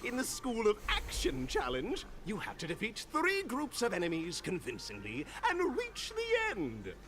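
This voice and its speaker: A man's voice: high voice, huge pitch swings, a little slow, a bit bright, a little hiss or hum, heavily acted. A man voicing a grandiose, gleeful game-show host who sounds like a villain, delivering a showy announcer monologue in a video game. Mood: grandiose announcing. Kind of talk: game character voice acting.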